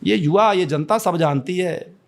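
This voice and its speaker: Speaking a little slowly in a high, gravelly voice, a Chhattisgarh man gives a podcast interview as a guest, his Hindi carrying a Chhattisgarh accent. His manner is fervent and declamatory, full of repeated phrases and frequent restarts.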